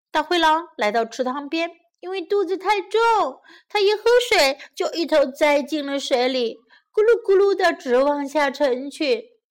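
Woman narrating a children's story slowly. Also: high voice. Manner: slow, expressive storytelling.

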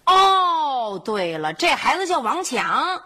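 An actress playing a chatty, lively middle-aged mother with a hoarse voice, in a sitcom. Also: high voice, slow pace, heavily acted. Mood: teasing, curious. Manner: talkative, laughs often, animated storytelling. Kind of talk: sitcom acting.

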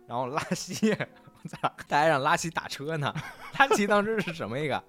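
Animated young man telling a story. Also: on the high side, a little fast, faint music behind. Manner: animated storyteller, swears, laughs through punchlines. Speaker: podcast co-host telling a story. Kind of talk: casual chat.

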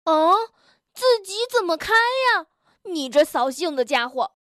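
A woman's voice: very high voice, animated, a little slow, no echo, clean studio sound, pitched above the performer's own voice. A woman voicing a cheeky, fearless male frog in a children's storybook, with a chirpy, teasing and bold manner.

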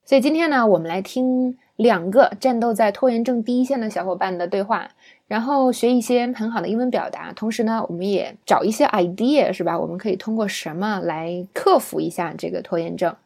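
A woman teaching an English lesson, breaking words down syllable by syllable and often checking in with her listeners through a quick tag question. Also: medium pitch, darkish tone. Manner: patient, explains pronunciation syllable by syllable. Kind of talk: spoken language lesson.

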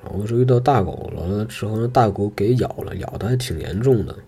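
A man's voice: fairly low pitch, a little fast, warm tone, husky. A man casually telling a personal story, hesitant and rambling, with many filler words.

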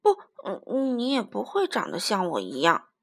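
A woman voicing a kind, gentle father tyrannosaurus in a children's storybook, speaking softly and soothingly. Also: medium pitch, huge pitch swings, normal speed, vocal fry, voice pushed down, full character voice.

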